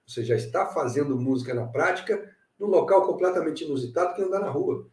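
A man's voice: a little high, animated, quick pace, darkish tone, reverberant, distant mic. A man teaching music in a live online lesson, talking animatedly, repeating phrases and checking in with his students.

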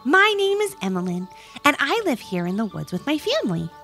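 A woman voicing a sweet, kind little female gnome who speaks gently and anxiously. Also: high voice, big pitch swings, a little fast, faint music behind, voice pushed up, full character voice. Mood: gentle.

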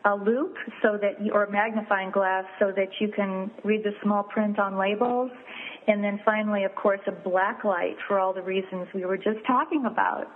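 A woman appraiser answering interview questions in a measured, explanatory way, listing points step by step, heard over a phone line. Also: medium pitch, fairly even intonation. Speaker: fine art and wine appraiser, guest. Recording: tinny phone line with faint hiss.

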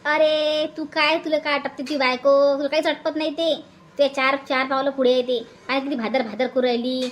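A woman voicing a blunt married village sister in a cartoon, speaking with a Varhadi Marathi accent in a high, scolding manner. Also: flat delivery, brisk, close to an everyday voice. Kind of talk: cartoon voice acting.

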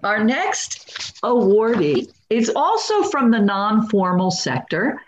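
Woman presenter for a video-call award ceremony, unhurried, lively pitch, playful asides, roomy muffled sound with faint hiss. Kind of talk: hosting an online award ceremony.

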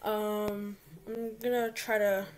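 A woman's voice: medium pitch, flat delivery, takes it slowly. A teenage girl in a casual vlog, rambling nervously with lots of fillers and a slight lisp from her retainer, talking into a laptop mic at home. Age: teens. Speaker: vlogger. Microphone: laptop built-in mic.

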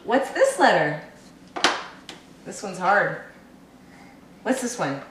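With huge pitch swings around a medium pitch and a slow pace, a mother encourages her toddler through letters in sing-song style. This home video was made indoors using a camcorder's built-in mic, leaving an echoey room sound and faint hiss.

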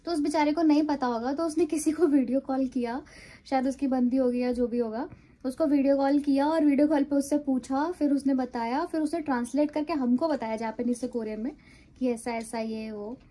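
A young woman talks to her phone at arm's length, telling travel stories in a chatty, laughing way. Her voice sits high yet sounds mellow and soft. She speaks casually, as if to a friend. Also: fairly even intonation, a little fast. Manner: chatty storytelling, laughs often. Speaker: travel vlogger. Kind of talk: casual vlog chat to camera. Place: car at night, then hotel room. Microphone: phone camera at arm's length.

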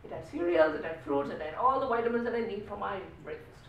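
A man with an Indian accent tells a tall tale as a live speech, theatrically, with acted-out dialogue and dramatic pauses. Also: high-pitched, lively intonation, highs cut off. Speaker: speech contest speaker. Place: small meeting room with a whiteboard. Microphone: distant camera microphone. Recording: echoey room, distant mic, faint noise.

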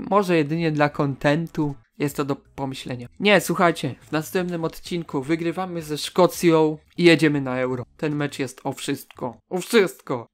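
A young man casually commenting on his own football video game match, getting excited, swearing and shouting at near misses. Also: on the high side. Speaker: gaming channel host.

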